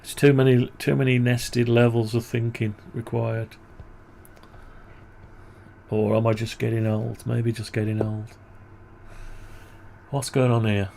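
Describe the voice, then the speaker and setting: A man's voice: medium pitch, flat delivery, a little slow, gravelly, long pauses, mellow, a little hiss or hum. A man presenting a programming tutorial, thinking aloud as he works and grumbling wryly to himself. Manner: muttering, wry grumbling asides. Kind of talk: thinking aloud while working on screen.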